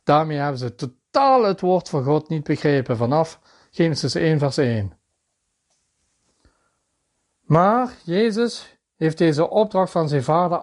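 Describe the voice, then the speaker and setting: A man's voice: a little high, darkish tone. A man preaching a sermon in an earnest manner, reading scripture passages aloud and naming their verses.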